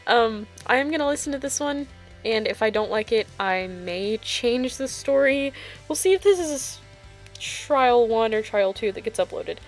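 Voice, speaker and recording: Higher-pitched and expressive at a moderate pace, a woman YouTuber shares her own fanfiction and chats casually with viewers. Her manner is informal and self-deprecating, and faint music sits in the background.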